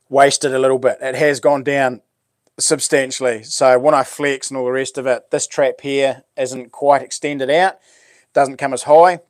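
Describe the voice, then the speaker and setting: A man's voice: mid-range voice, dry recording. Man with a broad Kiwi accent, close-sounding. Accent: New Zealand. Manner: broad, laid-back Kiwi slang, matey address. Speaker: live stream host. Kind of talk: casual livestream chat, reading out comments.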